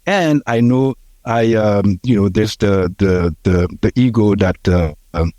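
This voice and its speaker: A Haitian man in his sixties, a podcast guest, telling his life story in a reflective, halting way with many fillers and restarts. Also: fairly low pitch, dark tone, no echo. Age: 60s.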